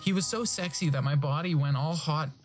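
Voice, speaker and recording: A man with a fairly high voice performs a dramatic fan fiction reading at a slightly fast clip, pausing to make amused remarks along the way. Soft music plays in the background.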